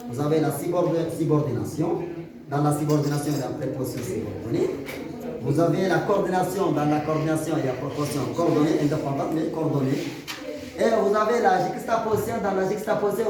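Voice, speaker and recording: High-voiced teacher in an echoey classroom. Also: male voice. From Mauritania. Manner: explains with examples, asks the class questions. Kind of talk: classroom grammar lesson. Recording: echoey room from far off, crowd behind.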